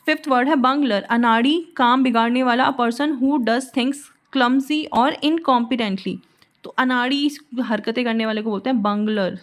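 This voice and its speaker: High-voiced woman teaching vocabulary. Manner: patient, repeats words slowly and spells them out. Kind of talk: explanatory lesson with memory tricks.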